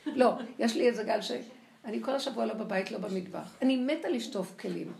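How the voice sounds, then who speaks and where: Older woman lecturer, animated and gravelly, recorded in a roomy space. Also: a little high. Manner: animated, acts out quoted voices. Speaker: religious teacher. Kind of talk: lively spoken Torah lecture. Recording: echoey room with faint noise.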